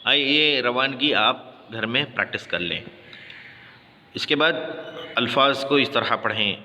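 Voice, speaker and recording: A man leads a recitation lesson, chanting each letter and vowel sound in a drawn-out sing-song before rattling through the explanations. His voice is bright and forceful, and a long reverb trails behind it. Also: medium pitch, slight background noise. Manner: spells letters and vowels in a slow sung chant, then explains quickly. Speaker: Quran recitation teacher. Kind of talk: tajweed lesson with chanted spelling drills.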